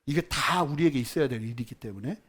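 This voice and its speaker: A male pastor preaching a sermon with emphatic swings between quiet murmurs and loud outbursts, leading the congregation in reading scripture aloud. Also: medium pitch, fast, husky. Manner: leads the congregation in unison Bible reading.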